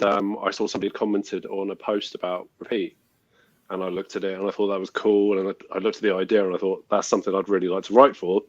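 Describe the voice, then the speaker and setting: A man, a film composer guest, telling his story in a relaxed way. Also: lowish voice, dry recording, highs cut off.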